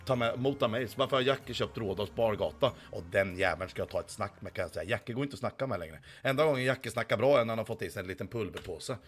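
A hoarse man livestreaming, reading the chat and talking in a crude, boastful, swearing banter. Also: lowish voice, few pauses, faint music behind.

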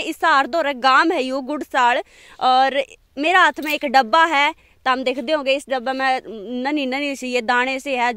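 A young woman with a strong Haryanvi accent, interviewing a farmer out in a mustard field on a handheld mic. Her voice sits high and carries easily, and she talks in a chatty dialect, nudging things along with little hums. The sound is dry and close, with no room around it. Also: fairly bright tone, dry recording. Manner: chatty, lots of short hmm acknowledgements. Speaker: interviewer and host. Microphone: handheld reporter mic.

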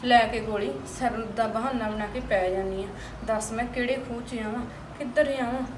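A woman's voice: high voice, natural voice. A woman playing a fed-up young daughter-in-law who complains about her household, speaking. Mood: weary lament. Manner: complaining, rapid arguing. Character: fed-up young wife, quarrelsome then weary. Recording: echoey room from a far mic, noisy.

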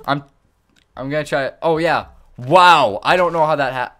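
A man's voice: a little high, moderate pace, bright, forceful tone. A teenage boy hosting a gameplay video, chatting casually and joking with a friend, laughing often. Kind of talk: casual gaming chat.

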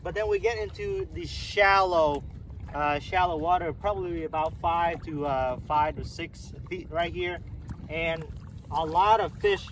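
Man, 30s, fishing vlogger, high-ish voice, chatty and repetitive, outdoors on a windy lake. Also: low-quality recording. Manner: chatty, repeats himself, points things out as he works. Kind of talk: casual play-by-play narration. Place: canoe on an open lake, outdoors. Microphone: camera mounted on the canoe, a few feet away. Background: wind and lapping water.

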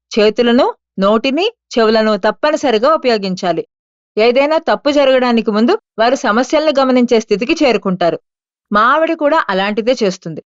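A woman reading an audiobook aloud in a steady, measured manner. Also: a little high, smooth, dry recording, highs cut off. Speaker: audiobook narrator. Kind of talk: scripted audiobook narration.

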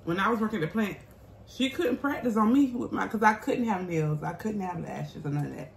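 With vocal fry in a brisk, expressive, medium-pitched voice, this thirtysomething mukbang host and vlogger chats casually. She's blunt and emphatic, responding to viewer comments with sass. She's in a small bare-walled room at home, and the audio carries roomy echo plus faint background noise.

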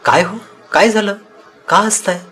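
A man's voice: fairly high pitch, very animated, normal speed. A man voicing a doctor's wife, a grown woman who is curious and reproachful, in a raised, scolding tone in a spoken story. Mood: puzzled.

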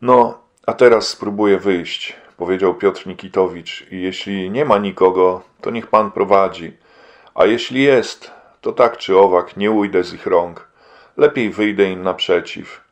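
A man reading an audiobook and voicing a faithful preacher husband who speaks calmly, solemnly and with resignation. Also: low-pitched, unhurried, lo-fi sound.

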